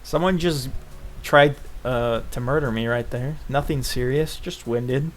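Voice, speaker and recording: Narrating a visual novel in the first person during a relaxed read-along, a man keeps interrupting himself with jokes. He speaks a little slowly at medium pitch, with soft music playing behind him.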